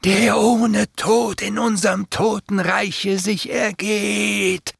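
A man voicing a crowd of fallen angel demons at a city gate, hissing and menacing in a drawn-out way. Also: high-pitched, little pitch movement, gravelly, a bit bright, husky, dry recording, studio quality, voice pushed up, exaggerated voice.

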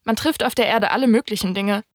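A woman voicing a wise, wistful fox in an audiobook reading, speaking in a calm, thoughtful, explaining way. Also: mid-range voice, fast, dry recording, studio quality, lightly acted.

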